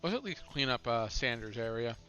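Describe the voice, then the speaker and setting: A man's voice: medium pitch, expressive, fairly quick, pushed and bright, highs cut off. A man hosting a livestream, casually muttering commentary to himself while playing a game. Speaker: streamer and host. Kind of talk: casual gaming chat. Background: game music.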